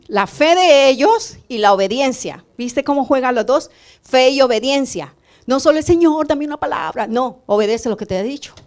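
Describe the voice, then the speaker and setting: A woman pastor with a high voice preaches a sermon to her congregation in church. She keeps it animated with call-and-response, putting questions to the people and answering them herself. When she quotes pleas for mercy she cries them out loudly, and she laughs at her own slips.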